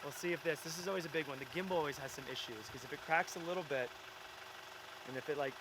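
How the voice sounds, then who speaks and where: A man's voice: fairly high pitch, fast talker, fairly bright tone, slight background noise. A man bantering playfully outdoors, jokey and exclamatory. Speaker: guest on trip. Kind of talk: casual banter.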